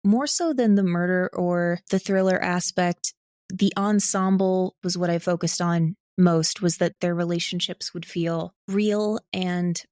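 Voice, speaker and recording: Clean studio audio with no echo captures a woman with a lowish voice speaking at a measured pace. She's a podcast guest and audio drama creator, talking candidly and casually in an interview, peppering her speech with "like" and animatedly acting out her own thoughts.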